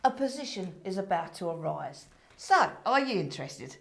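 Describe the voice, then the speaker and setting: A woman's voice: fairly low pitch, big pitch swings, normal speed, vocal fry. A woman acting a bubbly, bossy Saint Peter in a comic play, theatrical, emphatic and giggly. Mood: brisk, officious.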